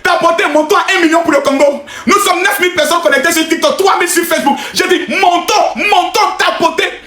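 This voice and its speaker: A man from Cameroon, hosting an excited livestream reaction, shouting, laughing and preaching in a sing-song way. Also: very high voice. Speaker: live streamer. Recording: echoey room.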